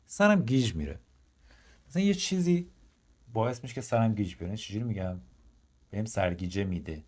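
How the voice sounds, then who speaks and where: A Persian-speaking man with a somewhat low voice runs a language lesson. He lays out each sentence slowly and deliberately, then slips into quick, casual asides as he explains it. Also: expressive, darkish tone. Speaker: French teacher.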